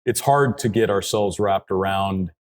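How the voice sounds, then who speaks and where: A man's voice: sits low, unhurried. A man hosting an interview, agreeing and reflecting alongside his guest in easy conversation. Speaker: interviewer, podcast host.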